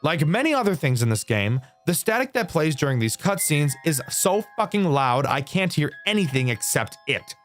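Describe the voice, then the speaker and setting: A young male YouTuber talks through a horror game in a loose, candid review, with swearing dropped in casually. His pitch swings up and down a lot as he goes, over faint music in the background. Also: big pitch swings, moderate pace, hardly any pauses. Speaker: gaming YouTuber.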